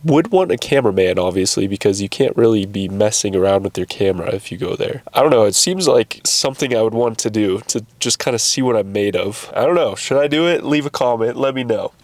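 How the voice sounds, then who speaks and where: A man's voice: fairly low pitch, animated, fairly quick, hardly any pauses, dry recording. A young man vlogging to camera in a rambling, self-deprecating way, asking the viewer questions. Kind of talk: casual vlog talk to camera.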